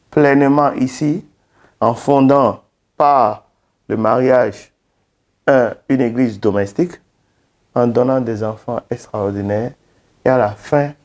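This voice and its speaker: Slow, mellow-voiced preaching priest. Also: male voice, medium pitch. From Benin. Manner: slow, preacherly delivery with emphatic rises. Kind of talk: interview statement.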